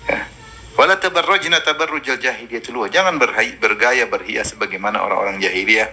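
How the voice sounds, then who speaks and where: A man's voice: mid-range voice, a little fast. A man giving a religious lecture, telling stories with energy and reciting Arabic verses. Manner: lively storytelling, quoting Arabic verses. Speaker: preacher.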